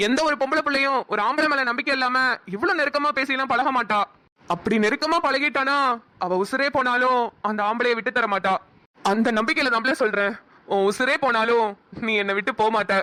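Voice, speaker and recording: A woman's voice: high-pitched, a little fast, bright, forceful tone. A woman voicing a devoted young village man in a cartoon, earnest and protective. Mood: coaxing. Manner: earnest and pleading, scolds then reassures. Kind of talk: cartoon dialogue acting.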